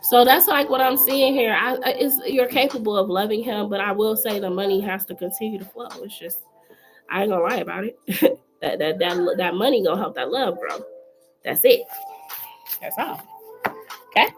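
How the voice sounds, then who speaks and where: A woman's voice: medium pitch, normal speed, faint music behind, rough recording. A woman giving a live-streamed tarot reading, chatty and familiar, calling the viewer girl and honey. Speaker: tarot reader.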